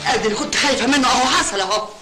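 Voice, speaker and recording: A woman's voice: fairly high pitch, racing, echoey room, loud music behind the voice, natural voice. An actress playing a stern, disapproving mother with an Egyptian accent, scolding and commanding. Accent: Egyptian Arabic.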